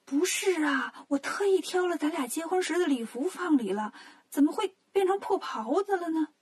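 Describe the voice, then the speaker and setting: A woman's voice: very high-pitched, lively intonation, normal speed, darkish tone, voice pushed up. A woman voicing a flustered, puzzled queen in a children's story.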